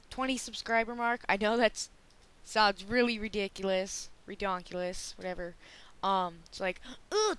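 A man's voice: high-pitched, pushed and bright, smooth. A teenage boy giving casual, rambling gameplay commentary, joking around and slipping into silly voices. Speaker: gaming video creator.

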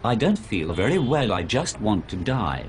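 Guy doing a sad mopey loser superhero monologue, lowish voice, swings up and down, noisy background. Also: very animated, moderate pace. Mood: sorrowful self-pity. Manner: sorrowful, dramatic self-pitying lament. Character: self-pitying, tearful failed male superhero. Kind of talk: dramatic monologue.

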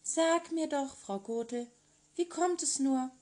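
A woman voicing a gentle young girl locked in a tower in a children's fairy tale, speaking softly and with wonder. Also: high voice, slow, voice pushed up. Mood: innocent pleading.

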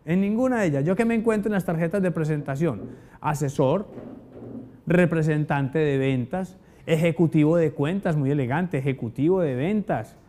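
A man's voice: fairly high pitch, moderate pace. A man teaching a motivational sales lesson to an audience, telling stories and asking rhetorical questions. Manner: animated storyteller, asks rhetorical questions. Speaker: sales trainer.

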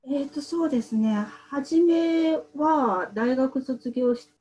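A woman in her thirties who works as a medical translator, answering interview questions in a soft, hesitant way with many fillers. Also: high-pitched, slow, low-quality recording.

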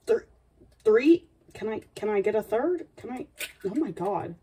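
A woman's voice: medium pitch, lively intonation, a little slow, dark tone, a little hiss or hum, close to an everyday voice. A young woman playing a playful, sassy princess hosting a comedic baking tutorial, with dry asides and a mock-dainty manner. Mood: playful, flustered. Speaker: baking video host. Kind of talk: comedic in-character cooking tutorial. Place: small home apartment kitchen, indoors. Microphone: camera a few feet away. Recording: distant kitchen camera microphone.

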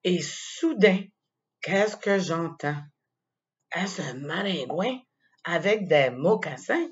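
A woman with a Quebec French accent reading a playful story to children, slow and expressive. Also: mid-range voice. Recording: dull lo-fi sound.

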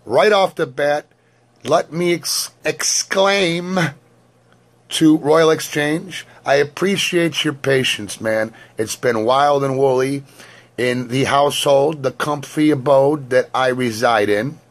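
A hoarse man hosts his own lottery scratch-off show from home. He talks like a crude, wisecracking showman, wordy and full of off-color jokes, his voice sitting at an ordinary middle pitch. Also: takes it slowly. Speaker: host. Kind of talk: lottery ticket vlog chat.

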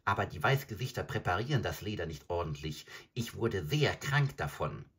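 Man voicing a storybook jackal, cowardly, greedy, whining, higher pitch, quick. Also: big pitch swings, fairly bright tone, husky, exaggerated voice. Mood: whiny. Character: cowardly, hungry male jackal, whiny.

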